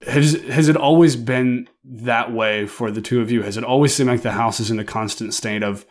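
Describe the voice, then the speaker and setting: A man's voice: medium pitch, steady tone, moderate pace. A man acting as interviewer, chatting casually and putting questions, recorded in an attic room. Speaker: interviewer and house guide. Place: in an attic room of an old house.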